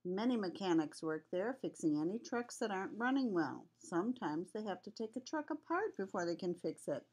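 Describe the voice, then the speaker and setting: A woman's voice: medium pitch, big pitch swings, normal speed, few pauses, a little mellow, slightly rough. An older woman, a sweet grandmother with a cold, reading a children's picture book aloud in a homely, chatty way. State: has a cold with cough.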